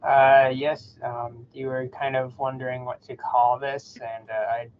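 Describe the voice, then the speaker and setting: A man's voice: mid-range voice, little pitch movement, unhurried, lo-fi sound. A man joining a live bee identification workshop as a guest expert, answering hesitantly with many "uh"s. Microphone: computer mic on a video call.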